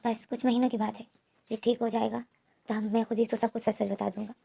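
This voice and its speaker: A woman's voice: on the high side, little pitch movement, quick pace, creaky, warm tone, breathy edge, full character voice. A woman voicing a devoted male assistant who coaxes politely and then holds firm. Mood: coaxing. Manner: coaxing, polite, turning insistent.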